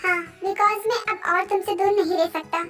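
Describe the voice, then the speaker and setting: A woman's voice: very high voice, steady tone, moderate pace, distant mic. Woman voicing a lovestruck young man. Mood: pleading. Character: devoted young male boss in love, protective. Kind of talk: amateur fan dub. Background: clear background music.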